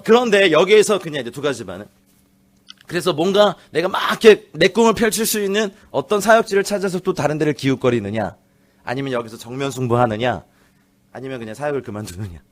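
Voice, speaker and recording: A man preaching a lively, humorous sermon as a guest pastor in a church, acting out people's lines as he tells stories. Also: fairly high pitch. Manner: animated, laughing storyteller, acts out teen voices. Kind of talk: lively sermon with acted quotes. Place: church sanctuary.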